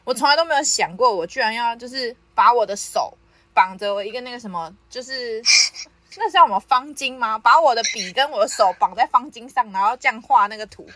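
A young woman, hosting a podcast and telling a personal story in casual chat, lively and often laughing. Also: fairly high pitch, brisk. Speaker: podcast host.

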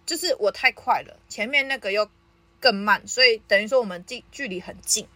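Young woman, a bit high-pitched, a podcast host telling her own story in casual chat with frequent laughs. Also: brisk, no room sound. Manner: lively, laughs often while telling the story.

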